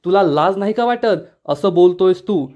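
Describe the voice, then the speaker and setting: A man's voice: high voice, animated, normal speed, a little mellow. A man reading the lines of a fierce young wife who angrily lectures the villain. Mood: angry lecturing. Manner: angry, lecturing. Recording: dull lo-fi recording.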